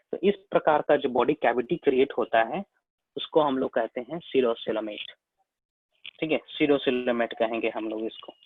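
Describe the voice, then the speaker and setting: This is a biology teacher with an Indian accent lecturing at a whiteboard, going step by step in a slow, repetitive way and constantly checking in with "है ना?". The mid-range voice is captured in a dry, tinny, phone-like recording.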